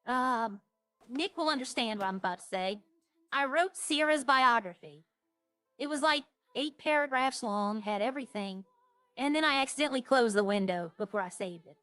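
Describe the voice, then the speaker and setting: A woman with a fairly high voice streams a game, chatting in a loose, informal way. She rambles along as she talks to her viewers. The sound is slightly dry, with music playing underneath. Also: a bit bright, clear, resonant tone, dry recording.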